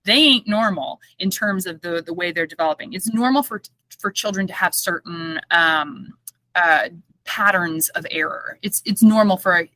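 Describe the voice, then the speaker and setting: A woman speech-language pathologist talking casually on a podcast, animated and playful, acting out little quotes and laughing as she tells stories. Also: on the low side, moderate pace, dry recording, low-quality recording.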